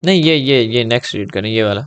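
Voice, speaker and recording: A man giving a patient one-on-one Arabic lesson over a video call, gently reassuring and checking in often. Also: medium pitch, expressive, clean tone. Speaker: Arabic tutor.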